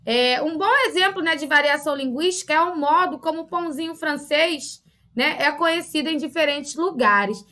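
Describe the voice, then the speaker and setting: A woman's voice: high voice, normal speed, bright, forceful tone. A woman teacher from Rio de Janeiro, with a Rio accent, patiently explaining a lesson to children in a recorded online class and often checking in with short tag questions. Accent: Rio de Janeiro Portuguese. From Rio de Janeiro, Brazil.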